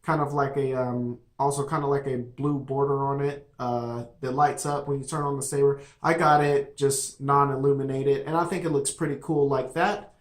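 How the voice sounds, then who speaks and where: A man's voice: medium pitch, flat delivery, moderate pace. A man casually reviewing a product, rambling with many fillers and restarts. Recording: echoey room.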